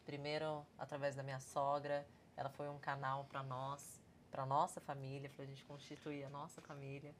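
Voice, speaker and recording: Brazilian woman, super deep voice, pretty flat, choked up and grateful. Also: normal speed, hardly any pauses, slight background noise. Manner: grateful, emotional. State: emotional, near tears. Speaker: guest.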